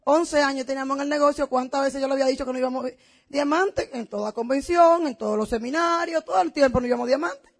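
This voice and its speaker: A middle-aged woman tells her story to a business audience. Her voice sits high, and she talks in a big, emphatic way. It is a motivational testimonial told as a personal story. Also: fast talker. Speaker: business speaker.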